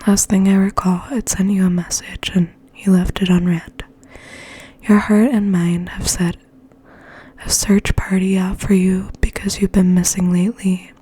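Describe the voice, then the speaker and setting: An ASMR host reads poetry in a breathy, mostly unvoiced whisper at medium pitch, slow, gentle and hushed, with a flat delivery. Between poems she chats softly.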